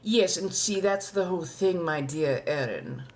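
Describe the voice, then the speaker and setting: A woman's voice: on the low side, animated. A woman playing an ancient, genteel female vampire with a posh colonial accent, speaking formally and courteously as she chats live in character. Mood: genteel, stern. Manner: refined, formal, old-fashioned wording, drawn-out deliberate phrasing. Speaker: livestream host answering viewer questions. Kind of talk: in-character live question-and-answer chat.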